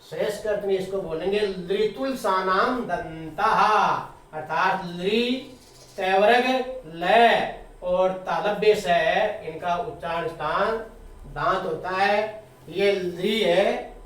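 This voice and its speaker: Slow, deliberate teacher in an echoey room. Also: male voice, sits high, far from the mic. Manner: slow, deliberate, spelling out sounds one by one. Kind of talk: spoken grammar lesson. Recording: very echoey room, voice away from the mic.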